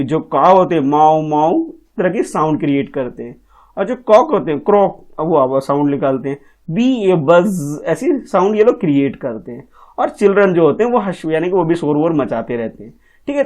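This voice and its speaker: A man's voice: fairly high pitch, darkish tone. Male teacher for young children, patient, keeps checking they follow. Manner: patient, repeats "ठीक है?" often. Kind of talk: explaining an English textbook lesson to children.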